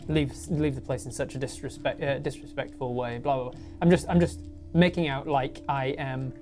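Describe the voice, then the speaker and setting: A man's voice: medium pitch, steady tone, moderate pace. Guy at a dnd table, talks through his plan, lots of restarts, background music. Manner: restarts a lot, thinks aloud while describing plans. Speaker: guest player. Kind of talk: playing a tabletop game.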